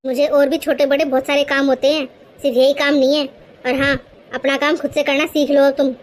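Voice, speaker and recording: A woman's voice: high-pitched, flat delivery, fairly quick, a little hiss or hum, lightly acted. A woman voicing a bossy, overworked elder daughter-in-law who scolds and lectures in a cartoon. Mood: scolding. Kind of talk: cartoon voice acting.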